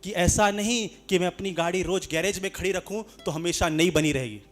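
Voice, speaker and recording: A man with a Hindi accent preaching a sermon as pastor, lively, shifting between shouts, laughter and quiet storytelling. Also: high voice, moderate pace, soft background music.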